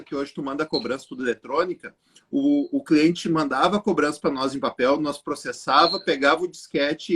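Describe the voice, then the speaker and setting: A man, a guest telling an animated story straight to the viewers of a live chat. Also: fairly high pitch, breathy edge. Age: 40s. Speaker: guest entrepreneur.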